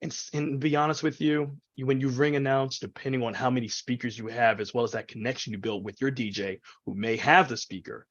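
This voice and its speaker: A man's voice: mid-range voice, steady tone, brisk, hardly any pauses, a bit bright. Dull-sounding video call, man from New York City. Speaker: ring announcer and event MC, interview guest. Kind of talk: casual interview chat.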